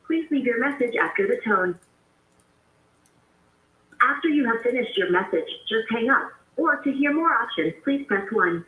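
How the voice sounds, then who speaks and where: A woman's recorded voicemail greeting heard over a phone line, delivered as a flat, measured system prompt. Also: a little high. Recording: tinny, echoey phone line.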